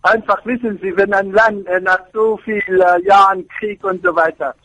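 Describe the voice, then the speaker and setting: High gravelly man, halting. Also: fairly even intonation, bright, forceful tone, poor audio. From Afghanistan. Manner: halting, searching for words in a second language. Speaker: architecture professor, interview guest. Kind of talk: radio interview answers.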